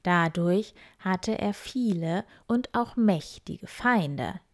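A woman reading a children's story aloud, lively and expressive. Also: on the low side, slow.

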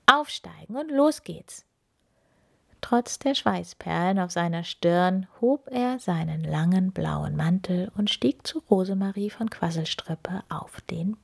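A woman reading a children's fairy tale aloud in a soft, partly whispered narration. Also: on the low side, vocal fry, slightly rough.

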